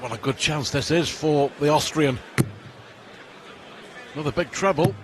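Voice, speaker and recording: A male lead commentator calls a live darts match in a fairly high voice. Clear arena noise sits behind him throughout. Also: a little slow, crowd noise. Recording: loud background arena noise. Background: noisy darts arena.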